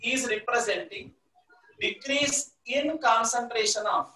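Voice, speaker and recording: A chemistry teacher with an Indian accent runs a live online class from a classroom blackboard, repeating himself and getting listeners to complete his sentences. His voice is very high, bright and forceful, at a measured pace. A distant camera mic picks him up, so the sound is echoey and far off.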